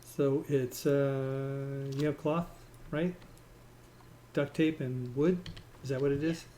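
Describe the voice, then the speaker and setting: A man in casual voice chat with friends while playing a game, explaining things haltingly with fillers. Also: mid-range voice, flat delivery, mellow, a little hiss or hum. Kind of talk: casual voice-chat gameplay talk.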